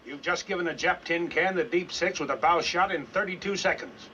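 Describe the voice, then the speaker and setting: A man's voice: fairly high pitch, fairly quick. A man playing a middle-aged American submarine captain in a 1950s war film, giving terse, controlled periscope callouts and commands. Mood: calm, firm. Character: stern, composed American submarine captain in wartime. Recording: dull old film soundtrack, loud engine noise.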